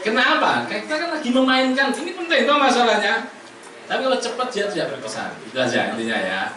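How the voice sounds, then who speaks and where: A man's voice: very high-pitched, sing-song, quick pace, a crowd in the background. A man teaching Quran reading to a class of adults, coaxing and teasing his students. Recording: echoey room, distant mic, room noise.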